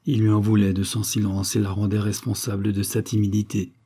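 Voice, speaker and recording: Dark, husky male audiobook narrator. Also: on the low side, monotone, a little fast. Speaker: audiobook reader. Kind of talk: scripted literary narration.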